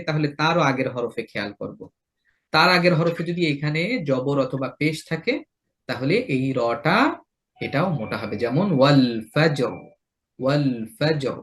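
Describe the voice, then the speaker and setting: Male tajweed teacher, Bangladeshi Bengali accent, fairly high voice, patient step-by-step explanation with drawn-out recited examples. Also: a bit bright. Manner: explains rules step by step, chanting example words slowly. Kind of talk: tajweed lesson.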